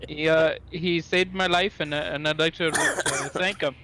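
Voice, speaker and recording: A man playing a tabletop game, casually role-playing his character in a halting, hesitant way. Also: on the high side, steady tone, sharp tone.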